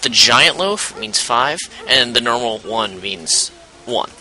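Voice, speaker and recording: A man's voice: medium pitch, big pitch swings, slow pace, sharp tone, low-quality recording. A man giving casual let's play commentary, rambling and explaining game mechanics as he goes, with frequent self-interruptions. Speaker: gameplay commentator. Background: game music.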